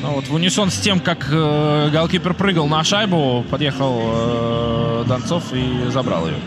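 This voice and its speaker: A man's voice: medium pitch, fairly even intonation, moderate pace, loud music behind the voice. A man doing live play-by-play commentary on an ice hockey game.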